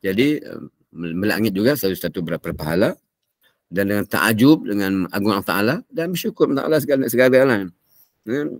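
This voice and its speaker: An older Malaysian man with a low voice gives a relaxed religious lecture, drifting from point to point and slipping into chanted Arabic. He coughs now and then. The sound is dry and close. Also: a little fast, dry recording. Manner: chatty and digressive, breaks into Arabic recitation. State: coughing often. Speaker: religious teacher.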